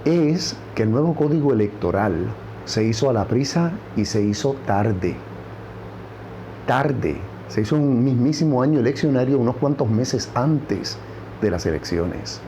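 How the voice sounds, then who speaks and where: Man, Puerto Rican accent, political commentary, emphatic, warm dark tone. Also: mid-range voice, lively intonation, measured pace, a little hiss or hum. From Puerto Rico. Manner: emphatic, repeats key words for stress. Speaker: news commentary host.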